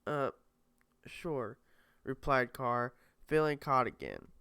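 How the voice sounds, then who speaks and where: A man's voice: mid-range voice, very animated, slow, vocal fry, pushed and bright, clean tone, dry recording, studio quality, full character voice. A man voicing a shaken, meek young boy who gives short, mumbled replies. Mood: flustered.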